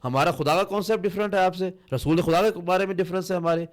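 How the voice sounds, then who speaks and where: A man holds his ground in a heated podcast debate. He argues insistently and keeps interrupting, with a slightly raised pitch. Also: steady tone. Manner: insistent, argumentative, cuts in often. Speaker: podcast guest.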